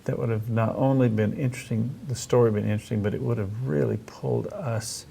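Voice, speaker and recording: A middle-aged man hosting a casual conversational interview, speaking haltingly as he thinks aloud and rephrases. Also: medium pitch, fairly even intonation, creaky, dark tone, a little hiss or hum. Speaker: host interviewing about reading aloud to children.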